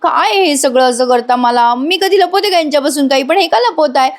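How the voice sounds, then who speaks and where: A woman's voice: high voice, fast talker, voice pushed up, lightly acted. A woman voicing an exasperated young wife from a TV serial, insistent and scolding as she demands to be told what is going on. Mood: frustrated.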